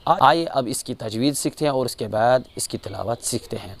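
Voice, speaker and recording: A man with a Kashmiri accent teaching Quran recitation rules, explaining calmly and chanting each verse slowly, repeating sounds to correct mistakes. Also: medium pitch. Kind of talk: tajweed lesson with chanted examples.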